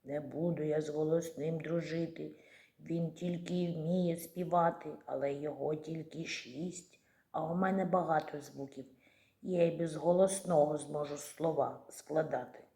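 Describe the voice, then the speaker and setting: A woman's voice: low-pitched, steady tone, unhurried, creaky, dark tone. A woman voicing a boastful male consonant sound character in a children's lesson, proud and dismissive of the vowels.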